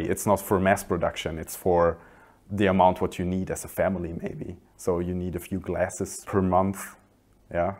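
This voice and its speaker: A man in his twenties, an industrial designer, calmly explaining his project in a documentary interview with a few restarts. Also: low voice. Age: 20s. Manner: calm, explanatory, some restarts. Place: indoor hallway by large windows.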